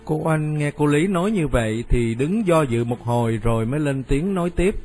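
A man's voice: on the high side, expressive, moderate pace, darkish tone, faint music behind. Man narrating a story.

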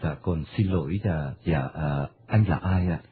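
A man's voice: extremely low pitch, unhurried, husky, full character voice. Man voicing an anguished grieving husband. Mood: choked. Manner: choked, emotional, polite. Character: grieving husband, emotional middle-aged man. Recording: tinny medium-wave radio broadcast.

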